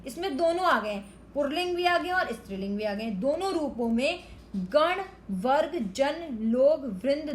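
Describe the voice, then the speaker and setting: A woman teaching a Hindi grammar lesson to children, explaining slowly and carefully word by word and mixing in English words. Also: high-pitched, a little hiss or hum.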